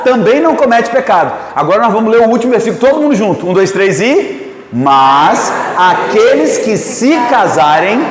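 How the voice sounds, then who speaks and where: A man's voice: sits high, roomy sound, big-room sound. A Brazilian man preaching a sermon to married couples, telling stories and asking his audience questions. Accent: Brazilian Portuguese. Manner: lively storytelling, asks the audience questions. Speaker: pastor.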